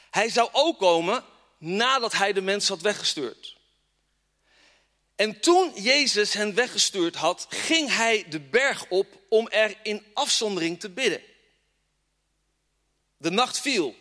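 Fervent male preacher, high bright voice, church hall reverb. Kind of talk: sermon with scripture reading.

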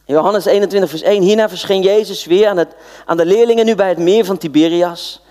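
A man from the Netherlands preaching a sermon, telling the Bible story in a lively way and acting out its dialogue. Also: sits high, fast. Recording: long hall reverb.

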